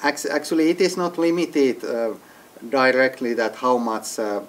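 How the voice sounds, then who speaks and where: A man from Finland with a mid-range voice speaks at normal speed in a business interview at an executive briefing center. Interviewed as an entrepreneur, he speaks English hesitantly, with non-native phrasing and frequent restarts.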